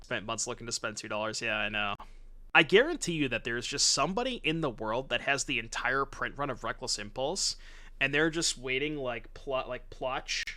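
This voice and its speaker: Playing a card game on stream from his home setup, a thirties-aged man chats casually with viewers through a desk mic with webcam. He sounds animated and speaks at normal speed, his medium-pitched voice bright and forceful.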